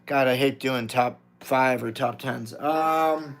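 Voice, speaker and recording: Over loud guitar in the background, a middle-aged American man reads viewer comments during a casual live stream. His medium-pitched voice moves slowly, and his manner is blunt and informal.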